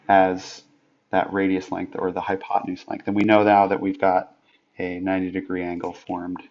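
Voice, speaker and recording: A man's voice: lowish voice, lo-fi sound. A man teaching a geometry lesson over a whiteboard screencast, thinking aloud with many restarts and fillers. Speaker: math teacher. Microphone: tablet microphone.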